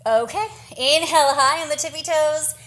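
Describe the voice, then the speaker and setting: A young woman teaching yoga offers supportive cues matched to the breath, sounding a little winded. She has a high, fairly bright voice and keeps a moderate pace.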